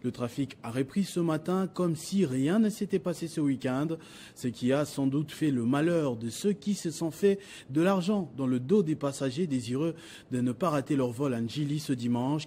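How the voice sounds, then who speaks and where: A male news anchor with a Congolese French accent, reading the lunchtime news in a measured, formal way. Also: mid-range voice, dark tone, slight background noise. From Democratic Republic of the Congo.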